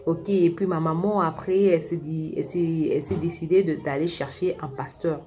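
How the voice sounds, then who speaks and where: Woman from congo, middle-aged, low voice, chatty storytime vlog, restarts sentences, faint noise behind. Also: fairly even intonation, brisk, darkish tone. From Congo (Kinshasa). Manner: chatty, with many restarts and asides to viewers. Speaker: vlogger. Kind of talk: casual storytime monologue.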